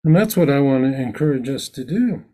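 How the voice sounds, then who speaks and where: A man's voice: medium pitch, lively intonation, fairly quick, mellow. A man, a Zen teacher, giving a dharma talk in a meditation hall, explaining ritual plainly and then acting out its lines.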